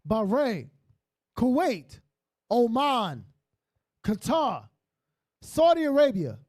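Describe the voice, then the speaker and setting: A man's voice: very high-pitched, big pitch swings, slow, darkish tone, no room sound, clean studio sound. A man assistant reads short pieces of text aloud on command during a teaching session. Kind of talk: reading aloud.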